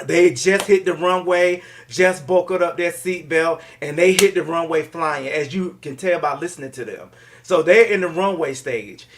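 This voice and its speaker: A man's voice: a little high, normal speed. A middle-aged man hosting a live stream, upbeat and chatty with loose fillers. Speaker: live show host.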